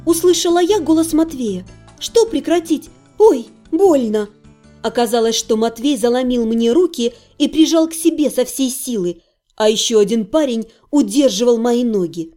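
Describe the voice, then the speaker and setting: Brief: woman audiobook narrator, high voice, mellow dark timbre, expressive first-person reading. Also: normal speed, soft background music.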